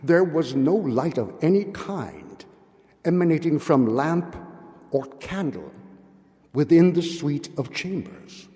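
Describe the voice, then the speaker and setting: Slow, theatrical man reading in a reverberant hall. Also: on the high side, sing-song, dark tone. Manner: measured, deliberate phrasing with dramatic pauses. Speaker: narrator reading a classic tale aloud. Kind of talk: theatrical dramatic literary reading of gothic fiction. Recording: long reverberant hall echo.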